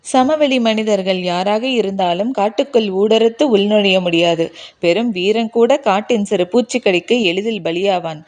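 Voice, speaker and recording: A woman reading a historical novel aloud as an audiobook narrator, in a measured, formal literary way. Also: mid-range voice, darkish tone. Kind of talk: storybook narration.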